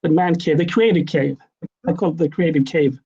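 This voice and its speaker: A man talking as a student in an English class, halting, with a gravelly husky voice. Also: a little high, dark tone, muffled recording. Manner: halting, many restarts. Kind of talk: class introduction chat.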